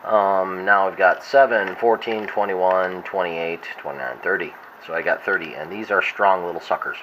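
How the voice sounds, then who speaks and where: Filming through camera glasses worn on his head, a hungover man vlogs from inside a wooden boat, giving an unscripted show-and-tell that rambles and trails off mid-thought. He has a low voice at normal speed, and the audio is dull and lo-fi with faint noise.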